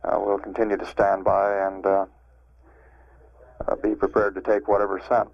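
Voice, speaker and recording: A man giving live spaceflight status commentary as a mission control announcer, formal and halting, over an archival radio feed. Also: on the low side, monotone. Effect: archival broadcast radio sound. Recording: dull, band-limited archival radio feed.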